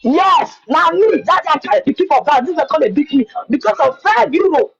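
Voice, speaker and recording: A woman's voice: sits high, very animated, fast talker, vocal fry, dull audio. A woman with a Nigerian accent tells her own story in Nigerian Pidgin, repeating words for emphasis. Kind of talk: personal account in conversation.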